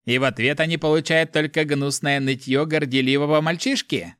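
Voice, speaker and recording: Man doing a high, sneering male spirit, storybook villain, taunting and merciless. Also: sing-song, normal speed, sharp tone, no echo, clean studio sound, exaggerated voice. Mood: mocking. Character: mocking male spirit voice inside a head.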